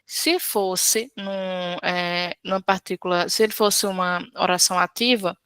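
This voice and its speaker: A woman's voice: lowish voice, fairly even intonation, a little slow, bright, forceful tone, clear, resonant tone, no echo. Patient woman teacher, dry close sound. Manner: patient, explains step by step, checks in often with "certo?". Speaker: Portuguese teacher. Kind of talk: live class, correcting an exam.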